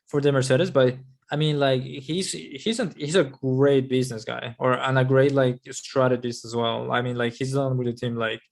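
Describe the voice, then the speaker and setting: A man's voice: medium pitch, flat delivery, moderate pace, gravelly. Easygoing man in casual chat. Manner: easygoing, restarts sentences, agreeable. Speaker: podcast co-host.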